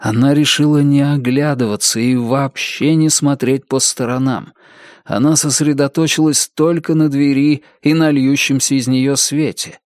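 A man reading a novel aloud as an audiobook narrator, in a measured, deliberate way. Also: medium pitch, steady tone, darkish tone, no echo, clean studio sound. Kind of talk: scripted narration.

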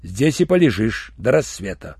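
A man's voice: fairly low pitch, very animated, normal speed, slightly rough, no echo, studio quality, exaggerated voice. A man voicing a vengeful, contemptuous man who interrogates a captive with harsh insults. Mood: cold. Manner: scornful, harsh, shouting insults. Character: vengeful hard male avenger, cold and contemptuous.

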